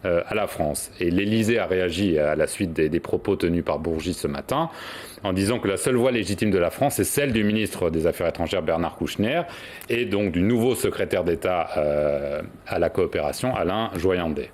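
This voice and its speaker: A man with a low voice giving news analysis as a studio journalist. He stumbles, hesitates and repeats words as he explains. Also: normal speed, darkish tone.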